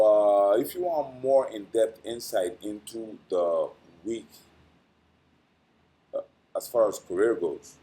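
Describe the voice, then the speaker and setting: Careful with his English, which he picked up later in life, this astrology channel host reads a dense weekly forecast full of "uh" fillers and minor stumbles before drifting into a chatty, rambling goodbye. His voice is fairly low and warm, and the audio is poor.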